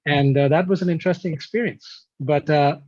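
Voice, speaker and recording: A man's voice: fairly high pitch, fairly quick, darkish tone. A man from Kuwait, a guest in an interview, talking in a reflective, explanatory way over a video call. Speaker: guest musician. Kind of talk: conversational interview. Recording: dull, lo-fi call audio.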